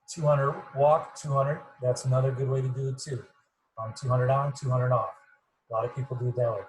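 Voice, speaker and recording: Man, running coach on a video call; rambling, monotone delivery, muffled mic with faint background noise. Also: mid-range voice. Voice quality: muffled, fuzzy. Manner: rambling, repeats words, self-described monotone. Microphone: computer mic on video call.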